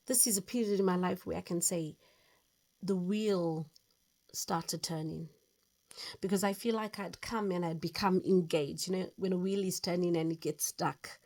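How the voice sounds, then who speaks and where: A woman in her fifties telling her own story as host, earnest and reflective, with lively emphasis. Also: lowish voice. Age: 50s. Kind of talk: personal storytelling monologue.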